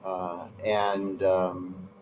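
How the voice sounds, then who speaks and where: A man speaking in a slow, halting way over a video call whose audio keeps breaking up. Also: low-pitched, monotone, noisy background. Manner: slow and halting, with many fillers. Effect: choppy, breaking-up video call audio. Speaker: guest teacher on a video call. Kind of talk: lecture remarks. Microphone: computer mic on a video call. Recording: dull lo-fi video call line.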